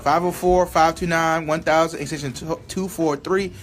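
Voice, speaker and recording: A man guesting on a radio show, giving legal help contact information in a measured way. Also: on the high side, fairly even intonation, a little hiss or hum. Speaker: attorney guest. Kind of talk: announcing contact info.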